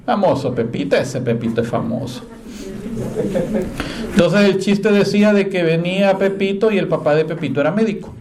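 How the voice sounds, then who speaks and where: A man preaching a sermon in a conversational way, telling stories and moving between hushed and animated delivery. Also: high-pitched, moderate pace, a crowd in the background. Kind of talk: sermon with storytelling.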